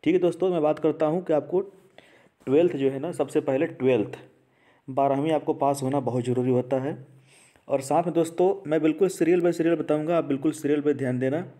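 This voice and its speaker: The host of an education channel speaks fairly quickly in a warm voice on the high side, his intonation fairly even. Addressing a camera-less video audience in an informal explainer, he keeps things conversational with repeated phrases and frequent check-ins.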